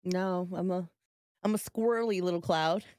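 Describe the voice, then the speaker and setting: A woman's voice: on the low side, moderate pace, a little mellow, no room sound, studio quality. A woman co-hosting a podcast in casual banter, with a wry, teasing way of talking. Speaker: podcast co-host.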